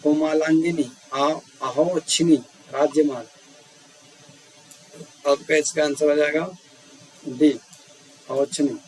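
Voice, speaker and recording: Speaking slowly with long pauses, a man with a fairly high, steady, slightly mellow voice leads a spelling quiz walkthrough. He teaches grammar by reading words and their answer options one at a time and repeating each word, over poor audio with faint hiss.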